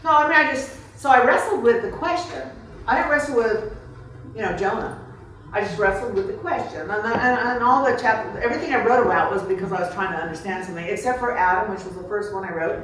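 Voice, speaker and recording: Before a small audience in a reception room, a woman author answers questions, talking fast in a medium-pitched, fairly bright voice. She thinks aloud in broken, informal phrases and drifts off on tangents, and the echoey recording picks her up from a distance.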